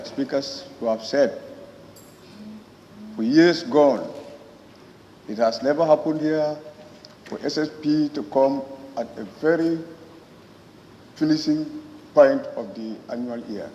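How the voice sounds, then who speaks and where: A man with a Gambian accent gives a parliament speech at a middle pitch, phrasing deliberately and haltingly. The sound is muffled and reverberant, as in a big chamber. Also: warm tone. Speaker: member of parliament. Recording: echoey hall, muffled, faint noise.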